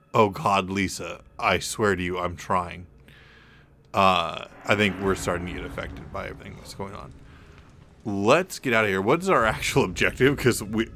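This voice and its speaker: Slow-talking deep-voiced man gaming. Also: sharp tone. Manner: rambling, drawn-out, self-correcting. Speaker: let's play gamer. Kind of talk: casual gameplay commentary.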